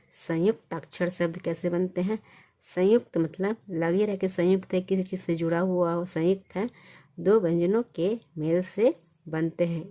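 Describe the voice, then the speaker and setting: A woman teaching a basic reading lesson, asking questions and answering them herself, repeating each sound slowly. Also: lowish voice, warm tone.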